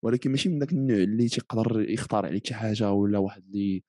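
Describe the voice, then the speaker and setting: Fast-talking man with a Moroccan accent. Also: on the low side, steady tone, mellow, no echo. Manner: explanatory, mixes in French phrases. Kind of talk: casual football discussion.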